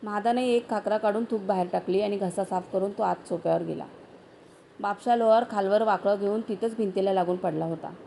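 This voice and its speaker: A woman narrating a short story aloud in a steady storytelling manner. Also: medium pitch, fairly quick, vocal fry, a little hiss or hum.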